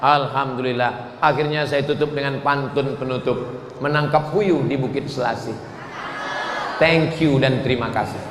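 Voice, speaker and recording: A man's voice: medium pitch, steady tone, normal speed, noisy background. A man preaching a humorous sermon, telling jokey stories and acting out little dialogues in shifting voices. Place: mosque. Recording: echoey hall with faint ambience.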